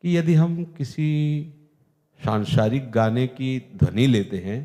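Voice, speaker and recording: A man's voice: mid-range voice, lively intonation, slow pace, dark tone. A man giving an earnest, emphatic devotional discourse as a spiritual teacher. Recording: long hall reverb.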